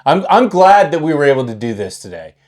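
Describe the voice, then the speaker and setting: A man's voice: fairly high pitch, sing-song, a little fast, a little mellow. A man co-hosting a podcast, telling stories in casual, profane chat with lots of restarts. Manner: profane, rambling storyteller with many restarts. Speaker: podcast co-host.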